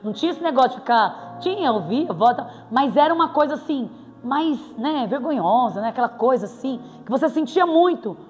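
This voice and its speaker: A woman with a Brazilian Portuguese accent preaching a sermon in a church, playful and animated, with sudden exclamations. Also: sits high, fairly quick. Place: church hall. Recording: reverberant hall with faint music.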